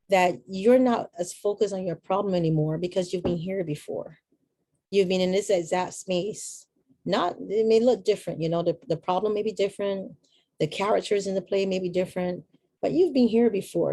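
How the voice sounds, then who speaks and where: A woman's voice: lowish voice, warm tone, dry recording. Woman, middle-aged, inspirational talk, earnest, reflective, dry close sound. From Barbados. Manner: earnest, reflective, chatty with frequent asides. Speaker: motivational speaker.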